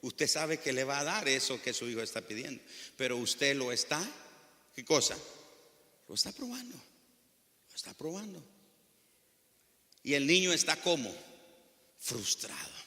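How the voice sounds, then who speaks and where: A man's voice: medium pitch, moderate pace, bright, forceful tone. A middle-aged man, preaching a sermon with passion and telling stories as pastor. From Nicaragua. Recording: long reverb of a church hall.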